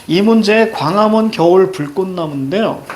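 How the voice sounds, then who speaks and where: A middle-aged man teaching a class, telling a personal story in a lively, casual way and mixing informal and polite speech. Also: sits high, normal speed, slight background noise. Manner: animated, switching between casual banmal and polite endings.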